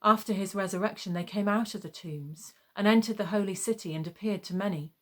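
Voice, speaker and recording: A woman reading a scripted gospel narration in a measured, solemn manner. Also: medium pitch, a bit bright.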